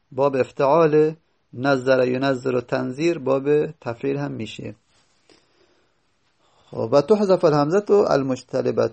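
A man teaching a grammar lesson, explaining step by step and slowly repeating each word form as he goes. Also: medium pitch, gravelly, darkish tone. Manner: reads out lines of a textbook before explaining them.

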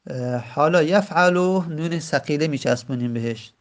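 A man teaching an Arabic grammar lesson, slowly repeating words and drawing out examples with frequent hesitant fillers. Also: on the high side.

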